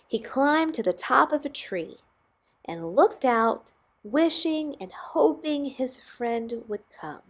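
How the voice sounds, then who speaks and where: A woman reading a children's picture book aloud expressively, with dramatic pauses and emphasis on key words. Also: sits high, animated. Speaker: storybook reader.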